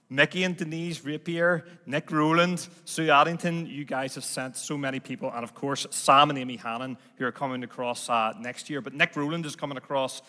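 A man's voice: mid-range voice, pushed and bright. A man with a Northern Irish accent addressing a church congregation as a visiting ministry leader. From Northern Ireland. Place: large indoor church, speaking from a stage. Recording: church hall with long reverb.

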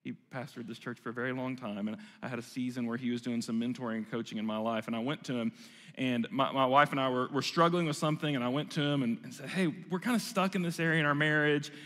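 A man's voice: medium pitch, fairly even intonation, fast talker, fairly bright tone, long reverb tail. A male pastor giving a sermon in a church, conversational and self-deprecating. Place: church sanctuary.

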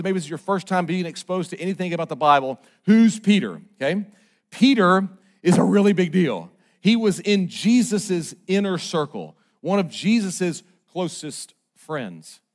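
In a chatty, self-deprecating sermon, a male pastor keeps checking in with his congregation, his voice shifting between loud emphasis and low softness.

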